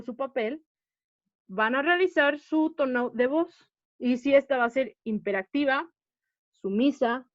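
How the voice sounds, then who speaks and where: Woman, acting teacher, slightly high voice, dull dry lo-fi sound. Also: dry recording. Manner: explanatory, checks in with students often. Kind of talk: online class lecture.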